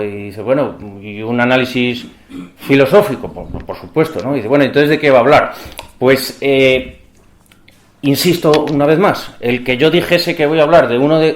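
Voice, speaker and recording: A man's voice: on the high side, reverberant. A man giving an academic conference lecture, talking in a discursive way and often asking the audience rhetorical questions.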